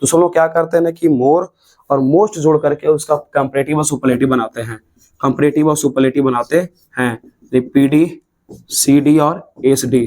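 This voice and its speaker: A man's voice: a little high, a little mellow. Bihari Hindi man teaching at a board. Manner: repetitive, drills points, stretches words syllable by syllable. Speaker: English grammar teacher. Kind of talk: classroom lesson at a board. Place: classroom with a writing board.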